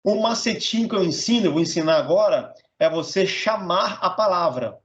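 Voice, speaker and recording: A man's voice: high-pitched, animated, normal speed, slight background noise. A man teaching Portuguese in a casual, blunt lesson, swearing and joking as he talks. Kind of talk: informal recorded lesson. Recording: dull, muffled audio.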